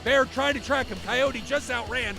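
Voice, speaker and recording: A man calling a match live as a caster, quick and excitable, shouting at the big moments. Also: very high-pitched, creaky. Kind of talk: live play-by-play commentary. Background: music.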